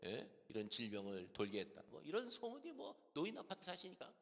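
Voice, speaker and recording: In a church sanctuary, a middle-aged guest pastor delivers a storytelling sermon a little fast in a bright, ringing voice. His pitch swings hugely as he acts out his stories, and a long hall reverb trails every phrase.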